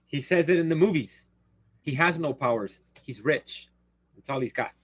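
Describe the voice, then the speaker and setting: With a slightly high, somewhat bright voice and a moderate pace, a native Spanish-speaking man chats on a livestream. The sound is close and dry without echo, and his delivery is rambling, blunt and self-interrupting.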